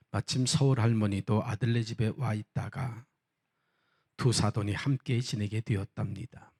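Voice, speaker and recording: A male pastor preaching a sermon in church and opening with a humorous anecdote in a measured storytelling manner. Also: on the low side, warm tone.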